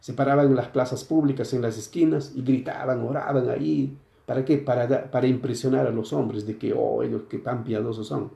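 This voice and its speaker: Gravelly dark-voiced preacher. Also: male voice, medium pitch, fairly even intonation, fairly quick. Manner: explains scripture with frequent rhetorical questions. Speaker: pastor. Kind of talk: sermon. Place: church sanctuary. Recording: echoey church room.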